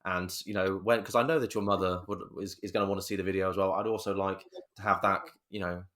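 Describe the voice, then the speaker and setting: A man with a fairly low voice hosts a podcast in a casual interview. He talks warmly and rambles, often restarting his sentences as he gathers his thoughts. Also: steady tone, fast talker. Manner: warm, rambling, with many restarts. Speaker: podcast host.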